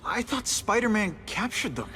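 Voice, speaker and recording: A man's voice: high-pitched, big pitch swings, moderate pace, bright, forceful tone, full character voice. An actor playing a young wisecracking male superhero in a video game, talking in a casual, quippy way. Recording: game audio with music.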